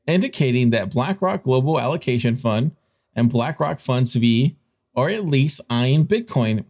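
A man's voice: mid-range voice, a little mellow. A man hosting a show with informal, partly ad-libbed news commentary, repeating phrases for emphasis. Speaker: host of a crypto news show.

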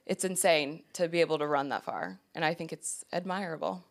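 A woman co-hosting a casual podcast chat, playful and quick to laugh. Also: sits low. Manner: giggly, playful. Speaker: podcast co-host.

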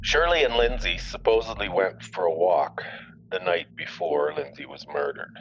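Middle-aged man, low-pitched, blunt and profane interview voice, lo-fi recording. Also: big pitch swings, moderate pace, a bit bright, a little hiss or hum. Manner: blunt, profane, heated retelling. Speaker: victim's father. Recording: dull lo-fi interview audio.

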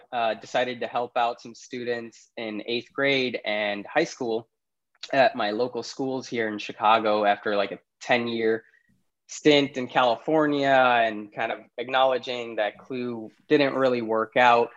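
A Pakistani man with a mid-range voice, heard on a lo-fi recording, guests on a podcast as a startup CEO. He chats easily in a casual interview, laughing often between thoughts.

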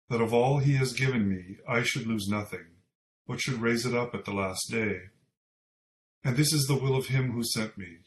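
A man's voice: lowish voice, slight background noise. Man reading scripture in cathedral echo. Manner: measured, solemn reading. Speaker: lesson reader and respondent at a church service. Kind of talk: formal liturgical scripture reading. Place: large church. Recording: echoey church with faint ambience.

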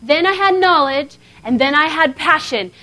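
Woman, 30s, high voice, casual animated seminar preacher. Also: normal speed. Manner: animated, conversational, frequent "okay?" checks. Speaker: seminar speaker. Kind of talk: sermon-style talk. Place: seminar hall before an audience.

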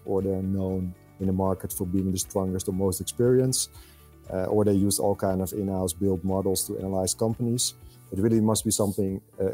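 Dutch man with a low, mellow voice. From Netherlands. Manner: measured, frequent hesitations with "uh". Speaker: podcast guest, fund selector. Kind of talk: conversational interview answers.

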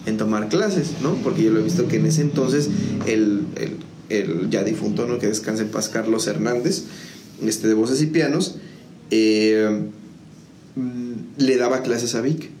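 A man's voice: lowish voice, measured pace. A man, a music school founder, telling his story in a casual interview with many fillers and restarts. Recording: echoey room with faint noise.

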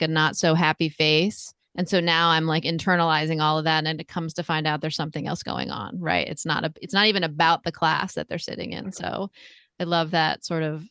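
A woman's voice: sits low, fairly bright tone, clear, resonant tone, no echo, clean studio sound. A woman co-hosting a podcast who talks eagerly and uses many fillers. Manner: enthusiastic, many filler likes. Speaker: podcast co-host. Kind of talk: conversational podcast interview.

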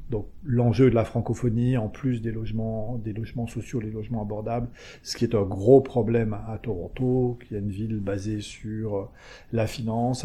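A man with a lowish, dark-toned voice responds to interview questions as a community organization manager. He is hesitant, frequently restarting and using fillers and tag words, and he tends to tag his phrases with "hein."

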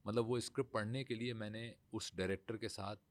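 A man's voice: on the low side, fairly even intonation, no echo. A man, a voice-over artist telling stories in a formal, emphatic way in a casual studio talk.

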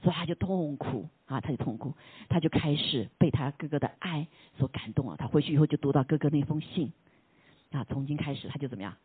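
A preacher giving a casual sermon, asking the listeners questions, dropping English words into the talk and tagging lines with a soft "ha". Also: medium pitch, fast, slightly rough, dry recording. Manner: asks the listeners rhetorical questions; mixes English words into Chinese speech. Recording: tinny phone-like line, dry.

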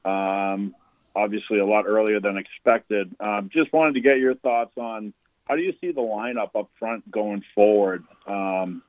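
A man calling in to a sports radio show over a clipped phone line, talking casually and haltingly. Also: fairly low pitch, steady tone, dry recording. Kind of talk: casual call-in chat. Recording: tinny dry phone line.

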